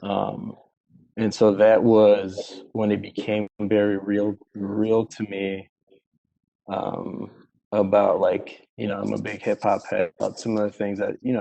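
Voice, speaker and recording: A man's voice: on the low side, vocal fry, warm tone, slightly rough, rough recording. A man casually reflecting on personal experience in a group discussion, peppering his talk with verbal hedges.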